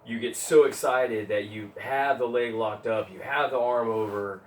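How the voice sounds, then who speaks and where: A man giving steady, explanatory advice on jiu-jitsu in casual instructional chat. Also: medium pitch, normal speed, slight background noise. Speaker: jiu-jitsu training partner. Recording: roomy, distant mic with faint gym ambience.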